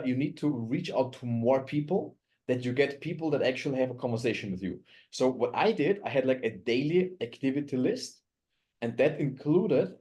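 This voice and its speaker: A man's voice: medium pitch, dark tone. A man from Austria leading a network marketing coaching call, chatty and full of restarts, acting out quoted dialogue. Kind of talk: coaching talk in a group call.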